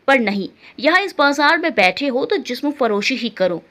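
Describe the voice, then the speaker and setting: A woman's voice: sits high, lively intonation, moderate pace. A woman playing a fierce, defiant young woman. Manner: shouting, defiant.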